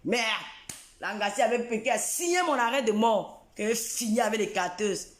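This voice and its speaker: A man's voice: high-pitched, expressive, moderate pace, echoey room. A man, ranting in a live video in a taunting, repetitive, mocking way. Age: 40s.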